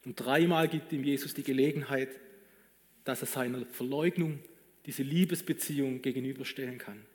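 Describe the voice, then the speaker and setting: A man preaching a sermon and praying aloud, earnest, moving between emphatic lines and hushed ones. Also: mid-range voice, steady tone, moderate pace. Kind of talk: sermon with spoken prayer. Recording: long reverb of a large hall.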